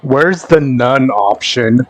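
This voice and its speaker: A man's voice: medium pitch, lively intonation, slow. A man giving casual commentary as a game streamer, with a sardonic, exasperated manner and free swearing. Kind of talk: casual commentary over gameplay.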